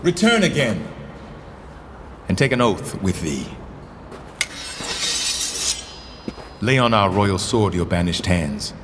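A man's voice: lowish voice, big pitch swings, a little slow. An actor playing a young, imperious medieval king, declaiming Shakespearean verse in a regal, mercurial manner. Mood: commanding, solemn. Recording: long hall reverb, background noise.

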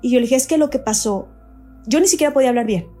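A woman recounts events in relaxed conversation. Her voice sits high, and she talks in animated bursts full of repeats and fillers. Faint music plays underneath. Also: quick pace. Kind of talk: casual chat.

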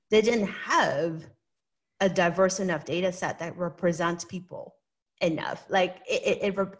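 In a lowish voice, a Hong Kong woman with a Hong Kong English accent answers interview questions as a guest. Her replies are earnest and explanatory, often punctuated with "right?"

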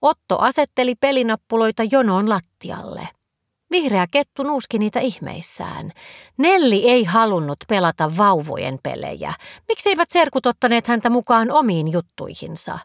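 A woman narrating a children's story in a gentle, expressive reading voice. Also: fairly high pitch, dry recording.

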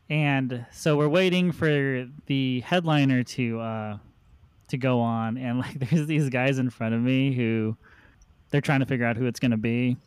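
A man hosting a podcast, telling a relaxed anecdote in casual chat and laughing along. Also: mid-range voice, clean tone, dry recording. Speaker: podcast host.

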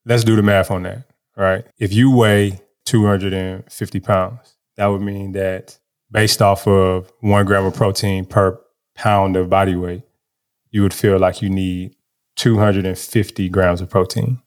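A man co-hosting a podcast, talking in a casual, energetic and brash way and cracking jokes. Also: sits low, measured pace. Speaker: podcast co-host.

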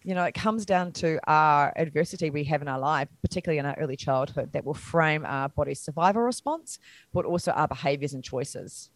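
A woman's voice: deep voice, a little fast, no room sound. A middle-aged woman from New Zealand, an interview guest telling her own story candidly, acting out quoted voices and laughing at herself.

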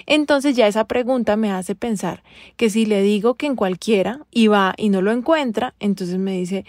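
A woman's voice: mid-range voice, normal speed, darkish tone. A woman talks straight to her viewers in a casual monologue, venting with rhetorical questions. Her tone is wry and exasperated. The sound is close and dry, with no room echo. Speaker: vlogger addressing women.

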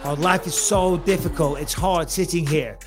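A man in his forties hosting a casual podcast, brash and quick to swear as he tells stories into a studio mic. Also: on the high side, steady tone, music in the background. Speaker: podcast host. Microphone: studio mic with headphones.

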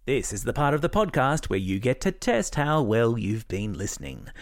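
Lively Australian man reading kids' news. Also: medium pitch, normal speed, dry recording, clean studio sound. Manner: upbeat, playful, jokey asides. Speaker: news podcast host. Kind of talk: scripted kids' news narration.

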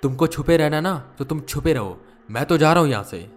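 A man voicing a hot-headed, dismissive young man in a horror audio story, shouting with irritation. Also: mid-range voice, lively intonation, moderate pace, faint music behind, lightly acted. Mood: irritated shouting.

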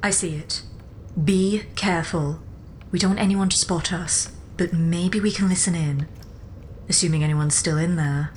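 Drama adventurer, female actor: wry, guarded, defiant, slightly low voice, faint rumble behind. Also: steady tone, moderate pace, close to an everyday voice. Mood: wary. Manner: dry, sardonic. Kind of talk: scripted audio drama acting.

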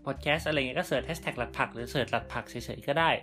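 Relaxed Thai podcast host, man. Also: medium pitch, fast talker. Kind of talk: casual podcast chat.

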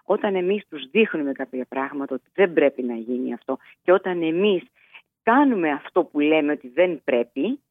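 A woman's voice: sits low, animated, no room sound. Woman psychologist on a tinny phone line. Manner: measured, explanatory, with frequent hesitations. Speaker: child psychologist guest. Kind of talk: expert advice on a podcast.

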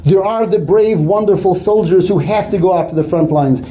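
A man giving an earnest sermon as a rabbi, weaving in a story told with lively quoted dialogue. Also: high voice, normal speed, slight background noise. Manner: earnest, builds to animated retelling of quoted dialogue.

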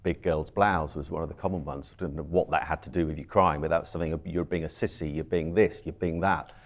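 A man's voice: rumbling low, fairly even intonation, fast talker. A man speaking reflectively and earnestly as a guest on a discussion panel.

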